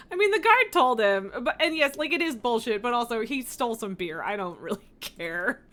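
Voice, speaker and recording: A woman's voice: fairly high pitch, lively intonation, moderate pace, fairly bright tone. A woman streaming a game with casual, chatty commentary, playful and theatrical, swearing freely.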